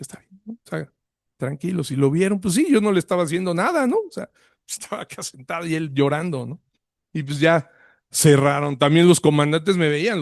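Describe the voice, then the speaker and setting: A man preaching through a personal story, his voice gravelly and fairly high. He keeps checking in with short tag questions as he talks. The sound is dry and close. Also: no echo. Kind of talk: personal testimony in a sermon.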